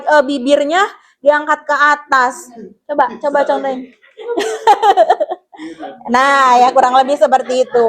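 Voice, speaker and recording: High-voiced woman teaching a class. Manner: explains to pupils, asks the class questions, calls them "Nak". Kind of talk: classroom guidance lesson.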